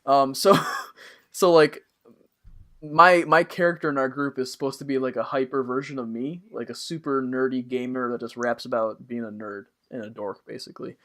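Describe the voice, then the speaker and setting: A young man co-hosting a podcast in casual chat, upbeat and quick to laugh. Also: mid-range voice, fairly even intonation, a bit bright. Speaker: podcast co-host.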